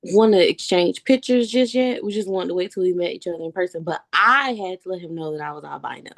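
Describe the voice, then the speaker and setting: Woman, thirties, gravelly fry, chatty, laughs a lot, video call interview guest. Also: on the low side, quick pace. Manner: chatty, laughs often, calls the listener honey.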